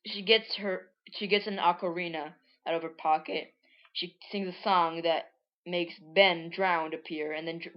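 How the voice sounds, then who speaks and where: A woman with a lowish voice casually reads from an old comic she made and comments on it. She rambles, chats and corrects herself along the way. The audio sounds dull.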